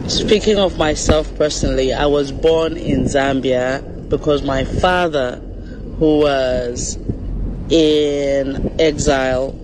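A man, a writer and activist, gives a slow, measured statement with frequent pauses and fillers, recorded with background noise. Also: mid-range voice. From South Africa.

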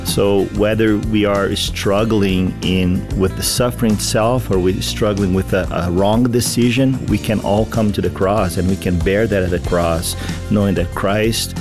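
A man's voice: on the low side, steady tone, unhurried, over music. A man from Brazil, a pastor, answering interview questions in an earnest, reflective way. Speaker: associate pastor, guest.

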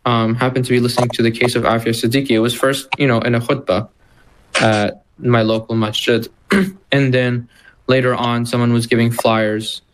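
Flat-voiced young man, casual. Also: mid-range voice, normal speed, a little hiss or hum, poor audio. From Texas. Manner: casual, relaxed, with like fillers. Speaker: interview guest, activist. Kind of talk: casual interview answers.

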